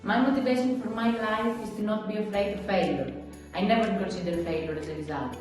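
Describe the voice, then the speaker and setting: Young Greek-accented woman student, upbeat, echoey and distant, soft music under her. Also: mid-range voice, brisk. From Ioannina, Greece. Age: 20s. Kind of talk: prepared personal statement. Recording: echoey hall, far from mic. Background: faint background music.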